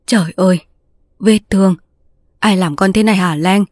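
A woman's voice: medium pitch, normal speed, darkish tone, dry recording, clean studio sound, close to an everyday voice. A woman voicing an old man who keeps animals in the forest, calling out in alarm and grief in a storybook reading. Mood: anguished. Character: old male forest keeper, anxious and tender.

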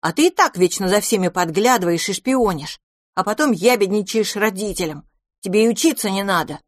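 A woman voicing a cheeky young boy in a storybook reading, teasing in a quick patter. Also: medium pitch, lively intonation, dry recording, studio quality, lightly acted.

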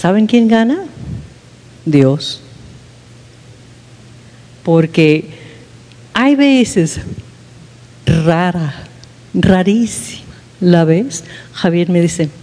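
A woman's voice: on the low side, lively intonation, very slow, long pauses, mellow. A woman giving an informal sermon talk at a women's church gathering, candid and self-mocking, often checking in with her listeners. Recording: long hall reverb.

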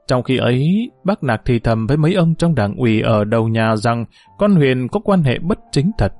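A man reading a novel aloud in steady, measured storytelling narration. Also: mid-range voice, no echo, faint music behind.

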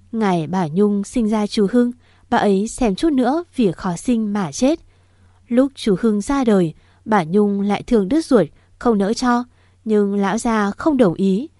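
A pleading old servant woman confesses a family secret through tears, put on by a woman narrator. Her voice sits at a middle pitch, close and dry with no room sound. The delivery is earnest and begging, in the manner of a spoken audio story. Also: dark tone, no room sound, natural voice. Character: older female midwife servant, pleading.

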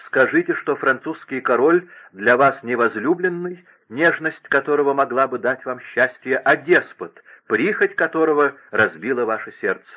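An imperious young king , voiced by a male reader, pours out vehement, impassioned speech in an audiobook. His mid-pitched voice rises with emotion. The recording is a little muffled and lo-fi. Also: lively intonation, moderate pace, hardly any pauses, natural voice.

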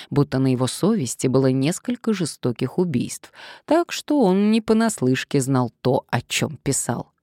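A woman reading an audiobook, voicing a learned woman writer who explains things in a measured way. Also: low-pitched, a little mellow, no room sound, studio quality.

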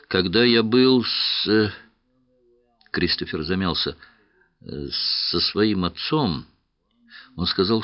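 A man with a deep voice reads a puzzled young man who searches for words as he tries to understand. His speech is earnest and halting. The recording has a slightly muffled, lo-fi sound. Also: husky, dry recording, exaggerated voice.

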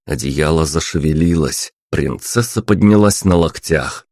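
A male narrator reading a story aloud in a steady, measured way. His voice sits very low and deep, and the recording is close and completely dry with no room sound. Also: no echo. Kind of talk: audiobook narration.

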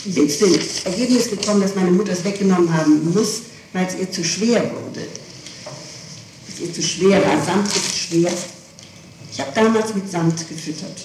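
On an old, noisy archival tape, a middle-aged woman with a lowish voice at normal speed answers a prosecutor's questions. She explains insistently and repeats herself, sounding echoey and distant in a reverberant room far from the microphone.

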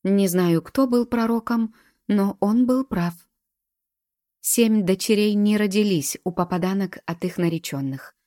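A woman narrating a first-person fantasy audiobook with expressive storytelling. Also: medium pitch, measured pace, dry recording, clean studio sound.

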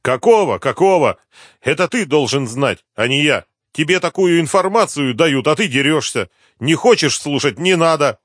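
A man's voice: sing-song, normal speed, a bit bright, no room sound, studio quality. A man putting on a whiny, frightened junkie. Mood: insistent pleading. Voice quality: high, pleading, whining. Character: frightened whiny male drug addict informant.

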